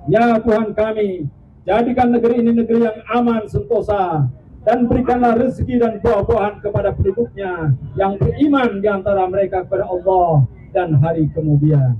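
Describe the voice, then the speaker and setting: A man leading a formal public prayer in a solemn, measured way. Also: sits high, far from the mic, dull audio. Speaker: prayer leader.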